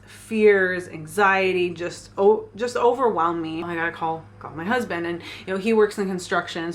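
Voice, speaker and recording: A woman's voice: on the low side, a bit bright. A woman, candidly telling a personal story in a chatty vlog, laughing now and then. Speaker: fitness vlogger.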